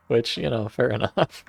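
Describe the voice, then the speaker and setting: A man's voice: medium pitch, gravelly, breathy edge. A man streaming a game, giving casual, joking commentary with wry asides and frequent laughter. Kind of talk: let's-play commentary.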